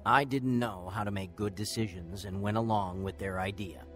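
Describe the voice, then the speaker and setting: Over soft background music, a man serves as narrator and lead of a radio drama, reflectively and earnestly recounting a bitter, lonely youth in a scripted first-person account. His voice is natural, fairly low, steady and a bit bright, at a moderate pace.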